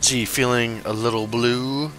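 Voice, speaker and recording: A man's voice: medium pitch, fairly even intonation, normal speed, fairly bright tone, faint music behind. A man acting as game master in a casual board game session, narrating the monsters' moves in a playful, profane way and laughing often.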